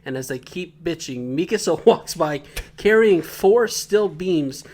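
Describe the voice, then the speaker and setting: A man's voice: on the high side, expressive, measured pace, darkish tone. A man co-hosting a podcast, recapping an episode from his notes in a casual, joking way and laughing often. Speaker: podcast co-host.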